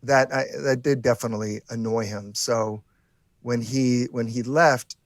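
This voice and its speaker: A man's voice: medium pitch, fairly even intonation, measured pace, no echo, studio quality. A man co-hosting a podcast, talking casually and rambling with many restarts and fillers. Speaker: podcast co-host. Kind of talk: casual conversation.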